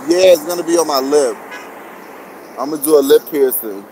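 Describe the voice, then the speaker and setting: A man's voice: a little high, fairly quick, mellow, low-quality recording. A man, out of breath and sweaty, chatting casually to viewers of his livestream as he walks a busy city street on a phone camera. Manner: chatty, greets viewers, begs for shares. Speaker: vlogger live-streaming. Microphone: phone camera worn or held. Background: street traffic and city bustle.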